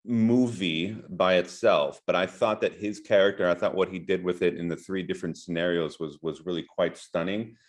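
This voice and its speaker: A man's voice: sits low, steady tone, moderate pace, hardly any pauses. A young adult man co-hosting a podcast, laid-back and teasing as he debates movies. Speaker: podcast co-host. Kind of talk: casual film debate.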